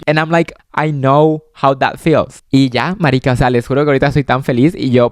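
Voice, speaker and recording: A man's voice: mid-range voice, darkish tone, clear, resonant tone, dry recording, clean studio sound. A young man hosting a casual solo podcast, chatting loosely in slang and mixing in English phrases. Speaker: podcast host.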